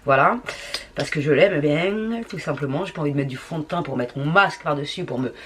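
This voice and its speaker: A beauty vlogger with a deep voice chats casually at home while testing makeup, talking fairly quickly. Her tutorial talk is packed with crude slang and self-mocking jokes, and there's slight background noise.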